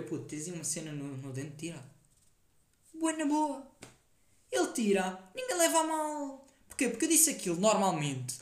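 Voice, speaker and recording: A man's voice: high-pitched, roomy sound. A young man with a European Portuguese accent, hosting a casual solo podcast, rambling and playful with lots of slang. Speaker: podcast host.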